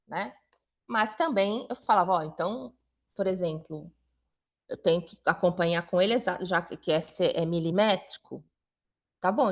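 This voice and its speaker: A middle-aged woman, an invited educator, talking to parents in a conversational way with frequent tag questions. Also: mid-range voice. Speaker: invited school supervisor and educator. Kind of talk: talk to parents at a meeting.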